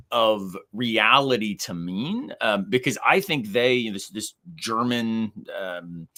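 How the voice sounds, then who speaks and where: Low-voiced man co-hosting a podcast. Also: sharp tone. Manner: thoughtful, laughs easily. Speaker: podcast co-host. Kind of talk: casual conversational discussion.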